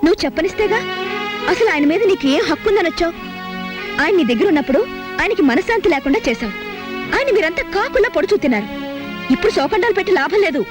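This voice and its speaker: An actress playing a sharp-tongued, hot-headed young unmarried woman who lectures and retorts fast. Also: very high voice, big pitch swings, over music. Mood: scolding. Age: young adult. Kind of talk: Telugu film melodrama.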